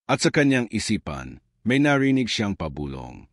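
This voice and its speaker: A man's voice: on the low side, very animated, normal speed, no room sound, studio quality. A man narrating a scripted horror story in a dramatic, suspenseful manner.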